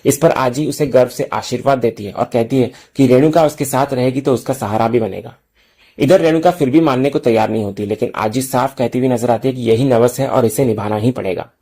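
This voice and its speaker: A man hosting a TV serial review channel, narrating a scripted episode recap in a steady storytelling way and closing with a direct sign-off to viewers. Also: mid-range voice, brisk.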